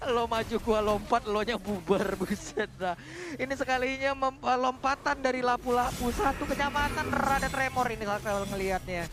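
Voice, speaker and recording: High-pitched male esports caster. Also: steady tone, normal speed, hardly any pauses. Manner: slangy, playful exclamations. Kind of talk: excited esports play-by-play commentary.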